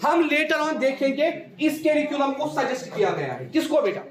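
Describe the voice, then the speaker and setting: A man's voice: very high-pitched, very animated, normal speed. A male teacher giving a classroom lecture who keeps calling his students "beta" and repeats each key point as a question to the class. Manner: mixes Hindi with English terms. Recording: echoey classroom.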